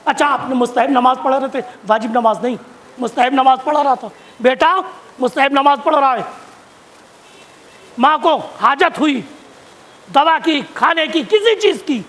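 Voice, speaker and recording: A man preaching a sermon, repeating phrases for emphasis and rising to shouts at key points. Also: very high-pitched, pauses often. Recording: long hall reverb.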